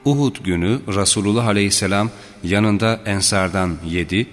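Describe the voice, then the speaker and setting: Low male narrator, measured and solemn, reading religious history, long reverb and soft music behind. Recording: reverberant with faint background music.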